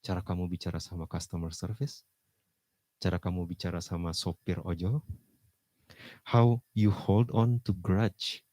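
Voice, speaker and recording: A male pastor preaching casually, dropping English phrases into slang and jumping to loud emphasis. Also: sits low, measured pace, long pauses, dry recording. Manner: lively, with sudden loud emphasis. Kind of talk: sermon.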